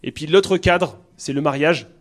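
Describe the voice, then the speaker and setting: A man's voice: a little high, measured pace. Earnest man with a southern French accent. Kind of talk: conversational teaching talk.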